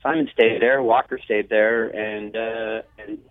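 A man talking in a casual interview over a bad phone connection that breaks up, relaxed and hesitant, with many fillers. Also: on the low side, unhurried, dry recording. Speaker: musician guest on the phone. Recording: tinny phone line.

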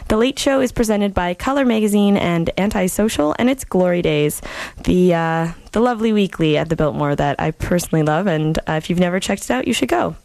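A woman hosting a radio show casually, in an informal way with frequent hesitant pauses. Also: fairly low pitch, lively intonation, vocal fry, a little mellow, dry recording. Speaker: radio host filling in on a music show. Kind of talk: casual radio show presenting and event listings.

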